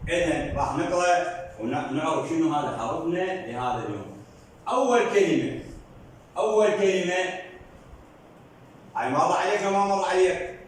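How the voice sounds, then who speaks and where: A man's voice: a little high, animated, normal speed, long pauses, slight background noise. A man with an Iraqi accent teaching young children to read, patiently questioning and drilling syllables in a sing-song way. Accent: Iraqi Arabic. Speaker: primary school teacher. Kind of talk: early reading lesson for children. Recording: very echoey room, voice from far off.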